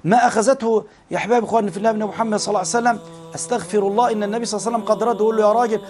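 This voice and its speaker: A man with an Egyptian Arabic accent delivering an impassioned sermon, swinging between loud and soft. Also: high voice, fairly even intonation, very fast, faint music behind. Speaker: preacher.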